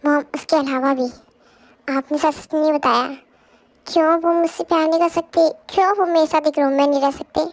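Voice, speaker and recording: A woman's voice: sits high, steady tone, moderate pace, lightly acted. A woman voicing a young wife who pleads and talks emotionally, in a fan audio drama dub. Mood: sad. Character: young wife, tearful and longing.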